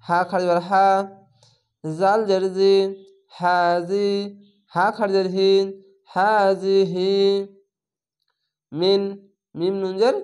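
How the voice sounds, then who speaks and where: A man with a Bangladeshi Bengali accent gives a Quran reading lesson in a high, clear, smooth voice. He names each letter and its vowel mark one at a time, then joins the syllables into long, chanted words. His delivery is slow and patient throughout. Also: little pitch movement, darkish tone. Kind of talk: spelling-out Quran recitation lesson.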